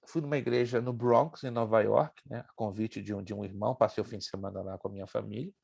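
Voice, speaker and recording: A pastor in his sixties teaching a Bible class, telling a personal story in an animated way and acting out the voices in it. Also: on the low side, fast, gravelly. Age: 60s. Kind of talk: sermon-style lesson with personal story.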